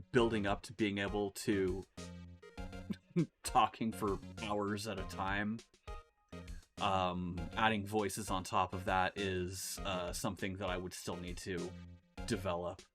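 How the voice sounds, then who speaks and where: A man's voice: lowish voice, steady tone, slow, a bit bright. A man streaming a game, chatting casually and rambling between laughs. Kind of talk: casual let's-play commentary. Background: game music.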